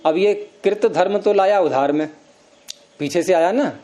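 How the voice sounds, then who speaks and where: A man's voice: high voice, unhurried, dark tone. A man teaching Sanskrit grammar, explaining step by step and quizzing his students with questions. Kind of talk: classroom lecture.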